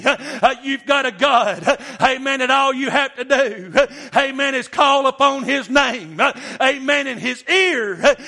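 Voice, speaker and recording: A man preaching a sermon, stammering and filling his pauses with "uh" and "amen". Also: very high-pitched, bright, forceful tone. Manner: stammering, punctuated by frequent amens.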